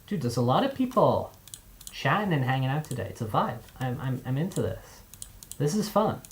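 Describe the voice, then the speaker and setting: A man's voice: medium pitch, very animated, a little fast. A young man with a mixed, displaced accent, chatting casually on a live stream, rambling with many fillers and restarts.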